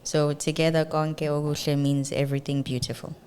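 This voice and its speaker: A woman's voice: low voice, level tone, a little fast, darkish tone. A young woman from South Africa, an English teacher, patiently explaining pronunciation in a casual interview. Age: young adult.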